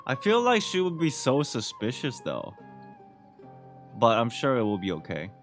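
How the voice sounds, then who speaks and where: A woman's voice: rumbling low, wildly swooping pitch, moderate pace, soft background music. A woman streamer giving casual, joking commentary on a game she is playing, reacting with slang and the odd swear word. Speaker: gaming streamer.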